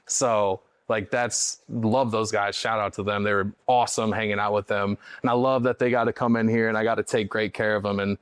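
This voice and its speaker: A man's voice: on the low side, little pitch movement, fairly quick, hardly any pauses, smooth, no room sound. A young man from St. Louis, an executive chef talking casually and enthusiastically as a podcast guest. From St. Louis, United States. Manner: laid-back, slangy, enthusiastic.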